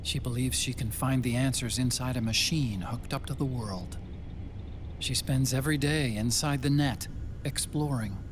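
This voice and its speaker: A man's voice: mid-range voice, moderate pace, background noise, lightly acted. An actor playing an earnest, hesitant male scientist in a cinematic video game. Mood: earnest, somber. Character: awkward, earnest male scientist, protective and easily flustered. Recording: music behind the dialogue. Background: background music.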